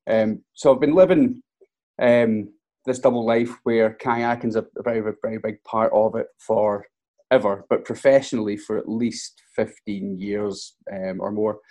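Scottish guy with a strong accent, middle-aged, lowish mellow voice, just chatting. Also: fairly even intonation, normal speed. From Scotland. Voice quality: broad accent. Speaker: interview guest, scientist and kayaking coach. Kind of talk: casual conversational interview.

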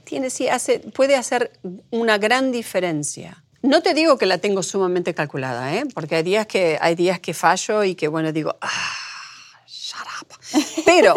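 A middle-aged woman from Argentina with an Argentine accent, a guest telling lively stories in an interview and acting out the voices she quotes. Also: medium pitch, normal speed. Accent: Argentine Spanish. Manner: animated storyteller, acts out quoted voices. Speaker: guest, producer. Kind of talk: conversational interview.

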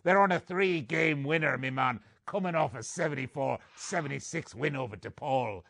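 A hammy pirate growls through his lines with loud "arg" bluster, as a man puts him on. The voice sits a touch high and sounds dry and close. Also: gravelly, no echo. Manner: growling jokey pirate patter. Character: gruff male pirate.

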